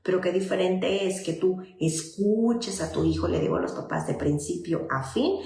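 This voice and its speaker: Lady therapist talking to parents, patient and gentle, bit of room echo. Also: on the low side, lively intonation, moderate pace. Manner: explains patiently, acts out gentle parent-child dialogues. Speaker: child psychologist giving parenting guidance. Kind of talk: informal live talk to parents.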